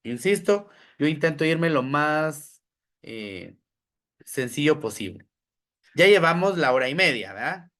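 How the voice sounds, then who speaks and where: A man's voice: on the high side, very animated, measured pace, fairly bright tone. A man giving an online training lecture to teachers. He explains step by step, lists examples and keeps checking in with "¿verdad?". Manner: addresses listeners directly, asks how they are following. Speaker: teacher trainer in educational psychology.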